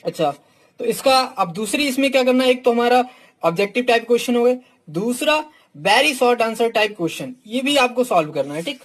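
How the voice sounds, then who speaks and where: A man's voice: very high-pitched, animated, moderate pace. A man coaching exam students in a casual teaching talk, blunt and frank in his views, who addresses them as "my dear" and tacks a "theek" onto almost every phrase. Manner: fills nearly every phrase with "ठीक"; talks straight to students, calling them "my dear". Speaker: exam coach reviewing books.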